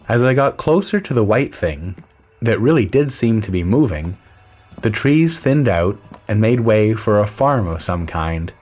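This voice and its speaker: A man with a fairly low voice reads a first-person story. His delivery is dry, measured and low-key, in the even manner of scripted storytelling. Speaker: narrator.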